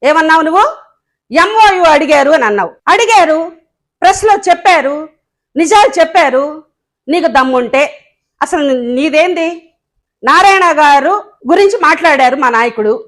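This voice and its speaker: A woman's voice: high voice, lively intonation, normal speed, pauses often. A woman giving a combative press statement as a local political leader, fiery and sarcastic, scolding with rhetorical questions.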